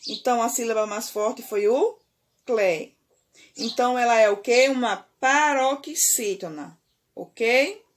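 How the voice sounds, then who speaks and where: Slow, high-voiced Brazilian woman teacher. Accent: Brazilian Portuguese. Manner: slow, deliberate, stretches key words, frequent "certo?" and "ok?". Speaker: primary school teacher. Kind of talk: remote classroom lesson.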